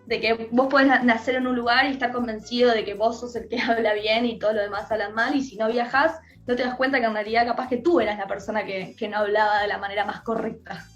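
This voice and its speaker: A Uruguayan woman with a Rioplatense Spanish accent is a guest in a conversational radio interview, chatting away with many restarts. Her voice is on the high side with a fairly bright tone, though the audio is dull.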